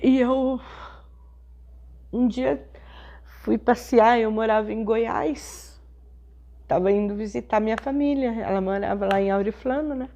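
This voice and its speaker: A middle-aged woman pastor, telling a personal testimony in a sermon with slow, emotional storytelling. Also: a little high, dark tone, dull audio.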